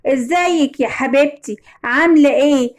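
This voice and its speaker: A smug older Egyptian mother-in-law, voiced by a woman storyteller. Her tone is sugary on the surface but condescending underneath. The voice stays high and bright throughout. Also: moderate pace, natural voice. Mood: sly. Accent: Egyptian Arabic.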